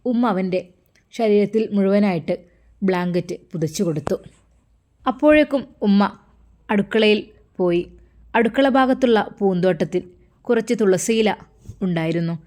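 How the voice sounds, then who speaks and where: Woman narrating a sad family story, mellow warm voice, malappuram accent, expressive. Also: mid-range voice, moderate pace, long pauses. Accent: Malappuram Malayalam. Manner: expressive, present-tense storytelling.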